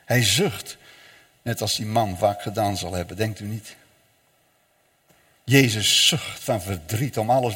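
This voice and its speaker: A male pastor delivers a solemn sermon with dramatic swells and drops in his voice. He speaks slowly, and his voice carries a slight huskiness. The sound rings with the long reverb of a large church hall. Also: mid-range voice, fairly bright tone, husky. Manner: slow, solemn preaching with dramatic rises and falls.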